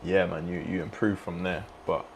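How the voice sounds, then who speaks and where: A man's voice: deep voice, fairly even intonation, moderate pace, slight background noise. A man chatting casually in a vlog, laid-back and rambling, often tossing in "man" and "you know". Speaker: fitness vlogger and streamer. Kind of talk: casual mukbang vlog chat.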